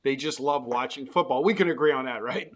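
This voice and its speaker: In Las Vegas, a middle-aged host with a medium-pitched, slightly bright voice leads a casual betting chat at a brisk pace. He rambles and keeps restarting his questions.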